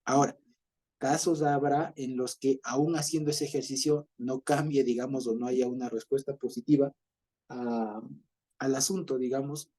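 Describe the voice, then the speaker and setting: A man's voice: mid-range voice, steady tone, moderate pace, dark tone. A man with an Ecuadorian accent teaching a Bible study in a chatty way, often checking that listeners follow and chuckling as he goes. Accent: Ecuadorian Spanish.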